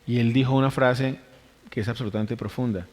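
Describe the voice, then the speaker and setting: A man's voice: medium pitch, steady tone, brisk, darkish tone, in a large hall. A man preaching a sermon in an earnest way, repeating phrases for emphasis and correcting himself mid-sentence. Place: church hall.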